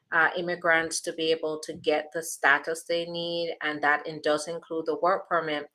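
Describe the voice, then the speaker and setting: Low-pitched, with a pushed, bright quality, this woman speaks in a Jamaican accent as an immigration attorney working through viewers' questions live. She's chatty and reassuring, her speech full of fillers.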